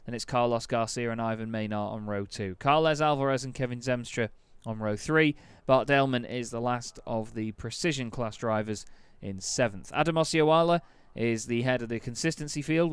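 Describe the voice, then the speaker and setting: A man's voice: medium pitch, moderate pace, clear, resonant tone, no room sound. A man giving live sim racing commentary in a motorsport commentator's delivery, as the lead caller. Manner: motorsport commentator delivery, rising to excited calls.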